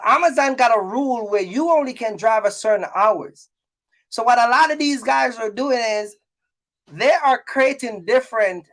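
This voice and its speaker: The recording is rough, and the voice is very high and a bit bright: a middle-aged man who owns a trucking business and creates content, chatting casually to viewers in his vlog. He's emphatic, repeats himself, and frequently checks that listeners follow.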